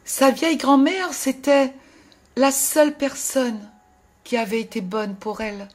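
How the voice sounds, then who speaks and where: Slow, high-voiced woman telling a fairy tale. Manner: gentle, expressive storytelling that drops to a hush at sad moments. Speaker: storyteller. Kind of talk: scripted fairy-tale narration. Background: faint music.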